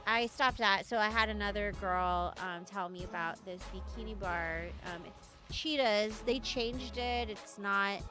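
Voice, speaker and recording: A woman's voice: medium pitch, a little slow. A woman in her thirties telling stories as a podcast guest, talking loosely and casually. She fills her speech with "like" and swears freely, and music plays underneath. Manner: chatty, peppered with "like", swearing. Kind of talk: casual interview storytelling.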